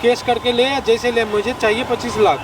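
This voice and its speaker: A man's voice: very high voice, flat delivery, fairly quick. A young man playing a pushy boyfriend who demands money, impatient and mocking. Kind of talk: scripted social drama skit. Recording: distant, noisy outdoor street audio.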